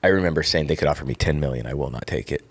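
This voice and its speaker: A man's voice: extremely low pitch, rapid-fire. A middle-aged man, a former football player co-hosting a podcast, earnestly telling a personal story in casual chat.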